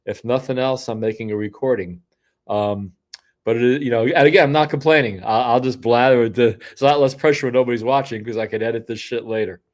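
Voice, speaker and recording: An older man hosts a solo livestream, rambling through casual commentary with frequent restarts and asides. He speaks briskly in a mid-range voice and sounds sniffly from a cold.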